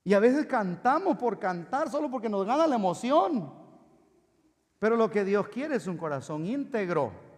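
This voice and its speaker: A high-pitched man preaches to his congregation, asking them to answer back and read along. His voice rings with the long reverb of a church sanctuary. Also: very animated, normal speed. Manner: calls out to the congregation for responses; drops to a soft confiding voice for anecdotes. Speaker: pastor. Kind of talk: sermon.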